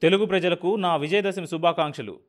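A man's voice: high voice, fairly quick, voice pushed up, close to an everyday voice. A man doing a brash, bullying TV boss. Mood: domineering. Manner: brusque, mocking, domineering. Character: brash scheming male TV channel boss.

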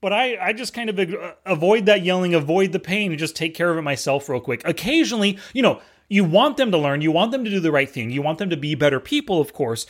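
A man's voice: sits high, lively intonation, quick pace, hardly any pauses. A man co-hosting a podcast in casual chat, steadily laying out life lessons. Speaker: podcast co-host.

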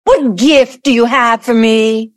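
An actress playing the defensive grown daughter of a dead tycoon in an audio play, snapping back in short retorts. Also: female voice, on the high side, takes it slowly, dry recording, studio quality.

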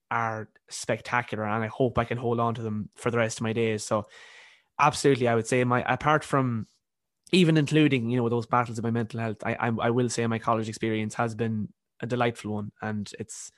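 A man in his early twenties with a softened Cavan Irish accent, speaking reflectively in an interview and repeating words as he thinks. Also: medium pitch, no echo, clean studio sound. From County Cavan, Ireland. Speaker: podcast guest, university student.

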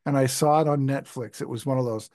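Joking podcast co-host, dry close sound. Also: male voice, medium pitch, fairly even intonation, fast, a little mellow, no echo. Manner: joking, rambling, laughs often. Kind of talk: casual chat.

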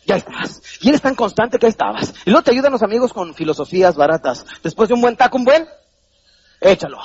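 A Mexican man speaks quickly in a high-pitched, husky voice while giving a live motivational seminar in a hall. He's theatrical and animated, acting out voices and quizzing his audience, and the audio sounds dull.

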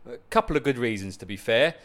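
A man's voice: mid-range voice, lively intonation, quick pace, a bit bright. A man hosting a podcast, talking in a teasing, joking way with his guest. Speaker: podcast host. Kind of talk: casual chat.

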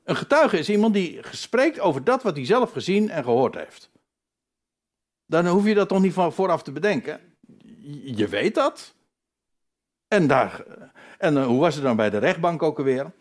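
A man's voice: on the high side, sing-song, normal speed. A man teaching from the Bible in a conversational way, hesitating and restarting, then rising to emphatic declarations. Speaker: preacher.

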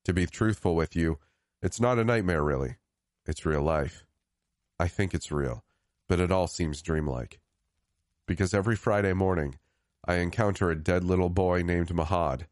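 A man reading a scripted first-person horror story in a grave, measured way, lifting the start of each new phrase. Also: low-pitched, no room sound, studio quality. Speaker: storyteller narrator.

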